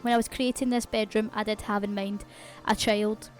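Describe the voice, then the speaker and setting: A Scottish woman talks fast and casually as she narrates her own game build, aware of her quick pace. Her pitch stays fairly flat and even. Faint music plays softly behind her. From Scotland. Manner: fast-talking, chatty, self-aware. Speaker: channel host.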